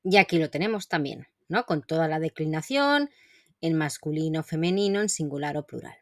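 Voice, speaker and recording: A woman teacher explaining grammar in an online lesson, clear and patient, saying example sentences slowly and carefully. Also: sits low, expressive, no room sound, studio quality. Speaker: Catalan language teacher.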